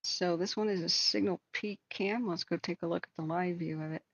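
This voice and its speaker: A woman's voice: on the low side, fairly even intonation, brisk, fairly bright tone, slightly rough, no echo, poor audio. A woman hosting a livestream with casual wildfire-tracking commentary, thinking aloud in a conversational way. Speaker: livestream host.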